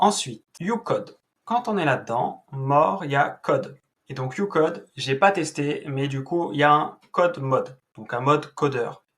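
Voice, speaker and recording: A man's voice: medium pitch, a bit bright. Chatty man walking through a tech demo. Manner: chatty, hesitant, with many fillers and restarts. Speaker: tech video host. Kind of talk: casual screen-recorded walkthrough.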